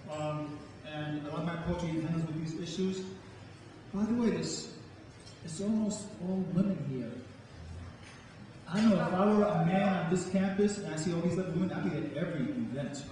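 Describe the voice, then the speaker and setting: With a warm voice on the high side at a moderate pace, a middle-aged poet performs on stage and talks informally with his audience. Captured in a campus event hall before a live crowd, the sound is echoey, distant-miked, and faintly noisy.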